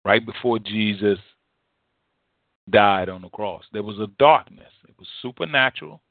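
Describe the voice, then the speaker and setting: A man preaching a Bible teaching sermon as an apostle, exhorting listeners directly in deliberate, halting phrases with emphatic repetition. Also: lowish voice, lively intonation, dry recording. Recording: thin phone-like band-limited audio.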